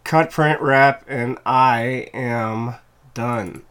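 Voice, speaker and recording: A man's voice: mid-range voice, drawn-out words, heavy background noise. A man hosting a podcast, casually and friendly, wrapping up the interview and thanking his guests. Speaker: podcast host.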